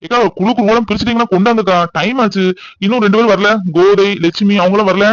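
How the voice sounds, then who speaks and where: Cartoon: impatient male collector voiced by a man, quick and high, muffled dry sound. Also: fairly even intonation, no echo, lightly acted. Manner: brisk, demanding. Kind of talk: cartoon voice acting. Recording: dull lo-fi dry recording.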